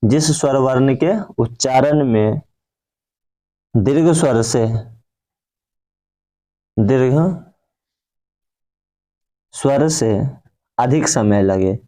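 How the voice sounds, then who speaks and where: A man's voice: medium pitch, mellow. A man teaching a grammar lesson, who keeps asking questions and answering them himself to drill the key points. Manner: drawn-out chanting of example words.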